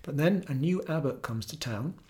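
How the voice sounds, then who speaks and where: A man teaching about kirtan, telling stories in an earnest, gentle way with frequent pauses and restarts. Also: fairly high pitch, animated. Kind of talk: reflective storytelling talk.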